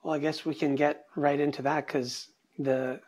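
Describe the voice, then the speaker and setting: A man hosting an interview, animated and casual, piling up fillers as he talks. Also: fairly high pitch, normal speed, husky. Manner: animated, filler-heavy, says "like" a lot. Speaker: podcast host.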